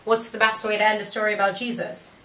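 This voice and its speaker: A woman's voice: medium pitch, level tone, quick pace, a bit bright. A young woman co-hosting a theater review in casual chat, wry and joking. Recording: roomy room sound from a distant mic.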